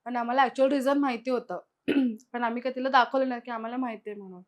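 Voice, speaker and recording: A woman's voice: a little high, steady tone, fast, muffled recording. A young woman guest casually retelling her own experiences, acting out the quoted dialogue of the people involved. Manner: chatty, retells events with lots of quoted dialogue. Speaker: guest sharing personal experiences. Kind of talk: casual spoken storytelling.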